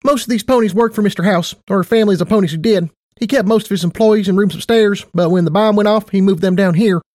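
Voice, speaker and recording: A man's voice: high-pitched, fast talker, a little mellow, dry recording, studio quality, pitched above the performer's own voice, close to an everyday voice. A man voicing a perky, affectionate female pony who teases and chatters in a bubbly way. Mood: amused.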